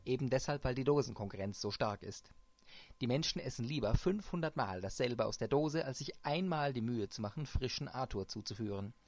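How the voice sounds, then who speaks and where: A man's voice: mid-range voice, animated, a little fast, darkish tone, faint music behind. A man voicing a small, frightened male shopkeeper who stammers and pleads in a servile way. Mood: bitter.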